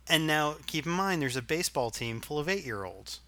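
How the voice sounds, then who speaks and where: A man's voice: on the high side, expressive, brisk, bright, forceful tone, a little hiss or hum. A middle-aged man from Arkansas, a podcast co-host, telling a rambling, profane story in casual chat.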